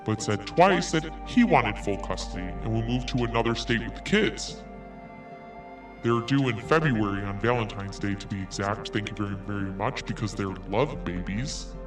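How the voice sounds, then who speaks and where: A male podcaster with a lowish voice and lively intonation, speaking at a normal speed, reads an email and skewers it with snarky comments. He sounds set apart from the distant mic, and quiet music plays under him.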